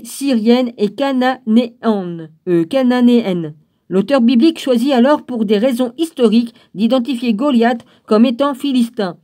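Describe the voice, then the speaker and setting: A woman's voice: a little high, dark tone. A woman reading a book aloud, stopping for wry asides and spelling out names. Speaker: reader of a book.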